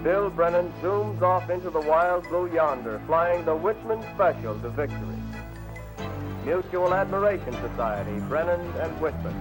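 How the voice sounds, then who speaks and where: High-voiced man, old newsreel announcer. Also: low-quality recording. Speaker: newsreel narrator. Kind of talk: 1940s newsreel narration. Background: music.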